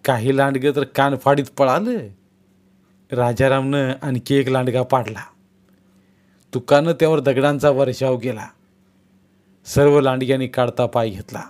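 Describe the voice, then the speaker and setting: A man's voice: mid-range voice, fairly even intonation, a little slow, long pauses, a little mellow. A man reading a novel aloud as a storyteller, telling the story steadily and acting out the dialogue.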